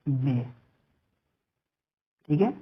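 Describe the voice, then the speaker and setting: A woman with a low voice teaches the alphabet at a slow, careful pace. She repeats each letter and keeps checking that her learners follow. The recording is thin and tinny, like a phone call. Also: very animated, breathy edge. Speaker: Urdu teacher. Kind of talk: slow, patient alphabet drill.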